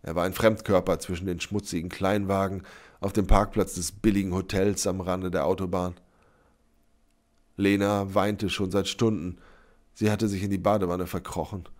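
A man narrating a story in a calm, even reading voice. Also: low-pitched, moderate pace. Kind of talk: scripted narration.

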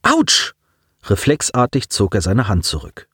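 A man narrating an audiobook in a lively, expressive reading style. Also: lowish voice, normal speed, no room sound, clean studio sound.

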